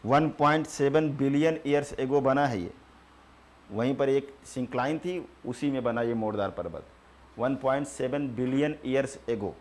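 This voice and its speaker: A man teaching a geography class, repeating terms slowly for notes and answering his own questions. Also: medium pitch. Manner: repeats key terms slowly for students to write.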